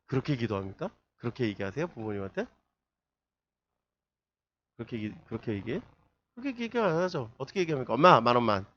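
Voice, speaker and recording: A man's voice: medium pitch, big pitch swings, fast talker, long pauses. A man preaching a sermon to a youth group, asking his listeners one rhetorical question after another. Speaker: youth pastor. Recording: dull lo-fi sermon recording.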